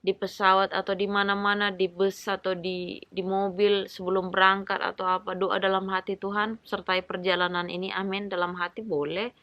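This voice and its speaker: A woman's voice: mid-range voice, flat delivery, moderate pace, dry recording, lo-fi sound. A woman talking casually about faith and prayer, encouraging her listeners and acting out short prayers in a conversational way. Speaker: Bible study vlogger. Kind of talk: casual devotional talk.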